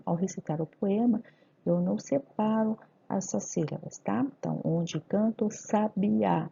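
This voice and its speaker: A woman teaches a recorded literature lesson. Her voice is mellow and gravelly with a slight rasp, and she slows down to sound out lines of verse syllable by syllable. The audio is dull and lo-fi. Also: mid-range voice.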